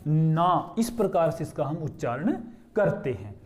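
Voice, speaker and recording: Man, high voice, mellow tone, grammar teacher, question-and-answer lesson style. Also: sing-song. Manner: asks questions and answers them himself; repeats key terms slowly for emphasis. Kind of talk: explanatory lesson.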